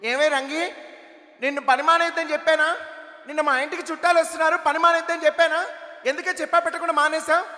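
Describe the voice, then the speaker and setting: Man playing a shrill nagging housewife. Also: moderate pace, sharp tone. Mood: scolding. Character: scolding middle-aged housewife, shrill and bossy. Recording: echoey hall PA.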